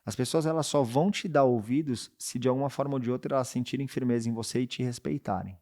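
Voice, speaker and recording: A man gives relaxed podcast advice to salespeople, often tacking on quick check-in questions as he talks. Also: mid-range voice. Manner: conversational, checks in with frequent tag questions. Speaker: podcast host and sales coach. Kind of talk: casual advice talk.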